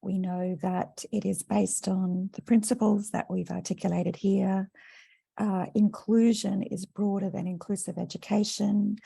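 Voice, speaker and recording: An Australian woman, a teacher educator, speaking in a soft-spoken, thoughtful way during an online presentation. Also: mid-range voice, level tone, a little slow, creaky, breathy edge. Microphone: video call.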